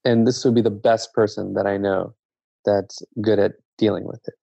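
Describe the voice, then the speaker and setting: A man from Zambia speaks as a guest in a casual conversation, reflective and measured, often circling back to restart a thought. His voice is low, dark and gravelly. The recording is dry and dull, with a lo-fi sound. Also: flat delivery, dry recording.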